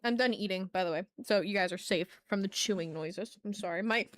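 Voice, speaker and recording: Into a sensitive ASMR microphone, the art-stream host talks a little fast in a mid-range voice, keeping things slangy and informal with her viewers. The recording is dry.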